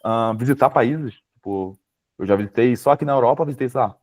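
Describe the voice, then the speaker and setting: A man in his late twenties with a Brazilian Portuguese accent gives advice in a relaxed, chatty way. His voice is mellow and warm, sitting at an ordinary middle pitch. He talks over a video call, filling pauses with casual tags. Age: late 20s. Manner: informal, frequent fillers like "sabe?" and "tipo". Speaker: guest speaker, power systems engineer. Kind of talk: webinar talk, casual advice. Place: home, remote video call.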